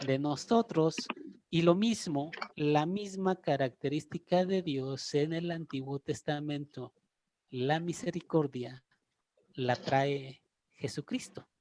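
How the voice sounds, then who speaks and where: Man, pastor, Bible class lecture, slow and measured, slightly high voice, dry close sound. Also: a little mellow, no room sound. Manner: deliberate, repeats key phrases for emphasis.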